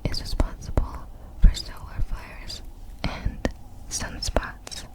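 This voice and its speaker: An ASMR video creator, a woman, whispers softly while reading facts aloud in short, measured, breathy phrases.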